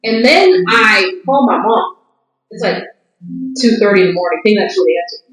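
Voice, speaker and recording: A young woman telling a funny story on a podcast, animated and laughing often. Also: mid-range voice, moderate pace, soft background music. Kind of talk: casual comedic storytelling. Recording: echoey room.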